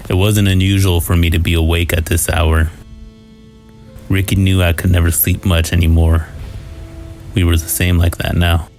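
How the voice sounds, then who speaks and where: A man reading a scripted first-person scary story in a low, haunting, somber manner. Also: level tone, normal speed, long pauses, darkish tone. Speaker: horror story narrator. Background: music.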